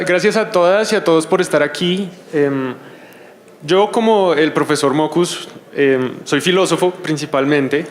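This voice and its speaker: A man's voice: on the high side, a little hiss or hum. A man opening a forum panel for an audience, speaking hesitantly with many fillers and putting questions to the room. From Colombia. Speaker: panel moderator.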